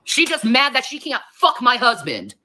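A woman in an angry livestream rant, hurling profane, confrontational lines at critics. Her voice sits high, with a sharp, bright edge and big pitch swings. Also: huge pitch swings, normal speed, a little hiss or hum. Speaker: livestreamer in a played clip.

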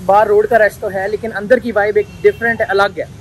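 A man narrating a casual travel vlog through a face mask, giving relaxed, informative commentary as he looks around outdoors. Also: sits high, fairly quick. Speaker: food vlogger host. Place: outdoors by an old building and garden, road traffic nearby. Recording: noisy outdoor street recording.

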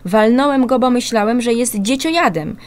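A woman's voice: fairly high pitch, normal speed, voice pushed up, lightly acted. A woman doing a small, plaintive little boy. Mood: earnest. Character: small frightened young boy, the youngest child.

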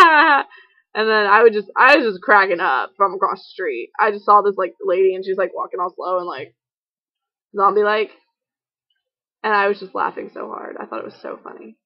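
A woman's voice: mid-range voice, dry recording. Young woman, college student, rambling giggly storyteller, casual vlog, dry close sound, dull lo-fi webcam. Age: young adult. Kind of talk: casual chat to camera.

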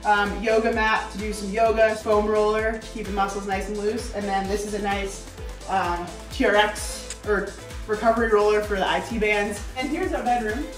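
A woman's voice: mid-range voice, steady tone, normal speed, distant mic. An upbeat young woman chats enthusiastically as she walks through a space, filming on a handheld phone. She sits a little away from the mic, and faint music plays underneath. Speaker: athlete giving a tour. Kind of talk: casual tour vlog. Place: ski service truck and apartment, indoors. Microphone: handheld phone camera.

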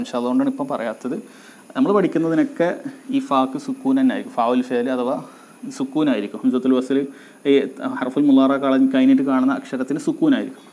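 Male teacher, mellow dark tone, patient step-by-step lesson delivery. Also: mid-range voice. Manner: explains step by step, repeats key words slowly. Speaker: Arabic grammar teacher. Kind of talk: recorded grammar lesson.

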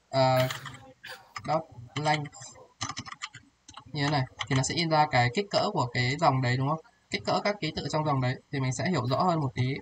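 A man's voice: on the high side, a little hiss or hum, low-quality recording. A man tutoring a student through programming exercises, thinking aloud as he types and often checking whether the student follows. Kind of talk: casual one-on-one coding tutorial. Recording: music playing behind.

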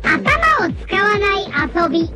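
A cheeky little child, put on by a man, poses naughty riddles in a sing-song, teasing lilt. The voice sits high and swings widely in pitch. Loud music plays behind it. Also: very animated, slow pace, full character voice.

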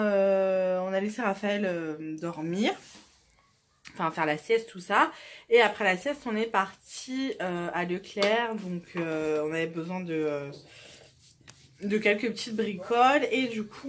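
A young woman chatting casually at home as a vlogger, full of fillers and asides. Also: medium pitch. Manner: chatty, many fillers, drops to a hushed murmur in the evening. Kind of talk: casual chat.

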